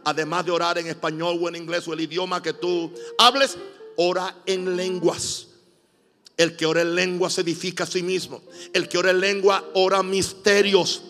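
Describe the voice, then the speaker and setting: A man from Puerto Rico with a Puerto Rican accent, preaching a sermon in a church with emphatic loud bursts and joking asides. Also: high-pitched, fairly even intonation, moderate pace. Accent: Puerto Rican Spanish. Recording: long hall reverb, faint music.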